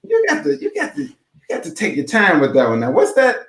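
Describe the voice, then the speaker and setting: A man's voice: high voice, wildly swooping pitch, brisk, gravelly, fairly bright tone. Folksy joking man, echoey room. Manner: folksy, joking, gives earnest advice. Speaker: co-host. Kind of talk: casual podcast chat.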